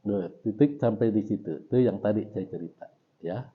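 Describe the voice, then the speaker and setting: A middle-aged man teaching a religious text, reciting Arabic lines slowly and then explaining them in casual talk. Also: fairly low pitch. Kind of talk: religious study lecture. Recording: dull lo-fi recording.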